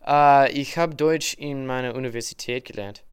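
A young man with an American accent gives interview answers in careful, stumbling German. English is his first language, and his voice comes through very clear and resonant. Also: medium pitch. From Indiana, USA. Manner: halting learner German with fillers and slips. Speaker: English language assistant at a school.

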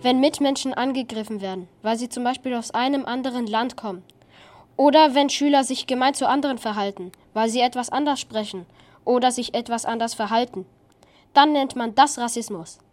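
A woman's voice: fairly high pitch, fairly quick, a little mellow. A woman presenting a scripted news piece in an earnest, questioning manner.

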